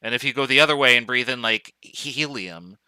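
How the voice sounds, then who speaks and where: Bright, crisp-voiced man lecturing casually. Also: mid-range voice, brisk, dry recording. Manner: casual, joking, thinks aloud with fillers. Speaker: chemistry professor. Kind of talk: online lecture.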